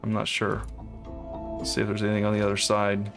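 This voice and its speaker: This co-op game let's player talks over music in a lowish, creaky voice, brisk and monotone. He comments casually as he plays, musing out loud and uncertain while he tackles a puzzle.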